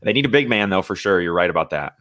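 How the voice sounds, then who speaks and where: Low-voiced man talking sports casually. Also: lively intonation, quick pace, fairly bright tone, no room sound. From Indiana. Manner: conversational, many fillers and restarts. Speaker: podcast co-host.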